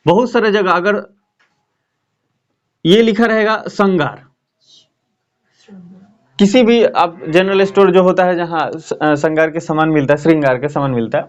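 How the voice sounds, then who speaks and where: A man's voice: high voice, muffled recording. A man teaching a grammar lesson at a board, explaining in a chatty way and checking in often with his students. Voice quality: talks in a chatty explaining way with frequent check-ins.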